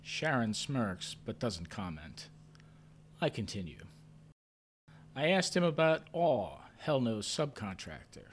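A man narrating a story in first person with a measured, understated delivery, lifting sharply when his character asks questions. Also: medium pitch, big pitch swings. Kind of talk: audio drama narration.

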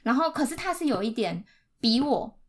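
Casting: woman podcast co-host, Taiwanese accent, fairly high voice, conversational personal storytelling. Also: very animated, moderate pace. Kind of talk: casual chat, personal storytelling.

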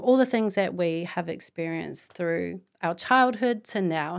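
A woman's voice: fairly low pitch, clean tone. A middle-aged woman with a Māori New Zealand accent, hosting a podcast as an earnest, encouraging motivational monologue. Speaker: podcast host.

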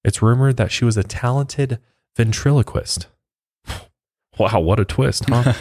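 A man's voice: mid-range voice, unhurried, a little mellow, dry recording, clean studio sound. A man telling a local ghost legend in a casual, chatty way, with off-the-cuff asides. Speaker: storyteller host. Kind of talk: casual spoken storytelling.

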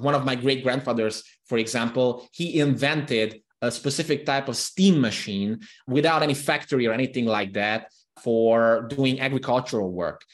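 A copywriter from Transylvania, Romania, who speaks Hungarian natively, is a guest in a casual podcast interview. His voice is mid-range, and he tells his stories animatedly, often restarting phrases and repeating words.

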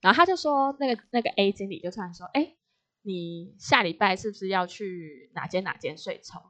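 A young woman casually telling a story about work, animated, laughing often and acting out what others said. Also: mid-range voice, fairly quick. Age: young adult.

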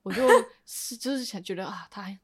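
A woman's voice: medium pitch, a little fast, breathy edge. A woman, a podcast guest telling a story in casual chat, laughing often and acting out what people said. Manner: animated, laughs often, acts out quoted lines.

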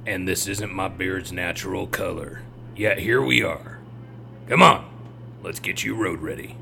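Man playing a breezy mechanic, audio drama, folksy, very forceful, creaky low male voice. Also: moderate pace, exaggerated voice. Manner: breezy, colloquial. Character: easygoing, folksy bearded male car mechanic. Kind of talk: scripted audio drama acting. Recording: faint hum behind voice.

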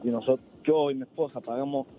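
A man's voice: medium pitch, steady tone, fast, slight background noise. A man calling in to a radio sports show, earnest, laying out his points one by one. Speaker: caller. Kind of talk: call-in comment on radio. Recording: tinny phone line.

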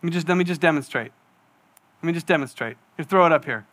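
A man's voice: a little high, fast, a bit bright. A man in his forties preaching a sermon in a church, chatty and self-mocking, acting out little asides as he tells stories. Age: 40s. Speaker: pastor. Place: church hall.

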